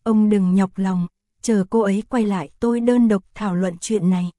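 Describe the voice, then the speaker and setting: A woman with a mid-range voice narrates an audiobook chapter in an even, unhurried reading style on a dry recording. She voices the characters' lines in her own voice.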